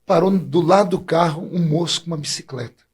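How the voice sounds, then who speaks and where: This Brazilian preacher speaks a bit high and fairly quickly, his voice gravelly and husky. He shares his own faith story from the heart, and his voice catches with emotion.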